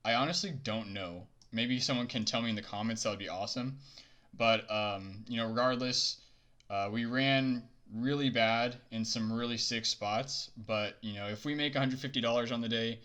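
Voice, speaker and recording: Talking loosely to camera about his poker bankroll, this young man is slightly out of breath from a workout and packs his rambling, relaxed vlog with fillers. He speaks at a normal pace in a medium-pitched, steady voice with a fairly bright tone.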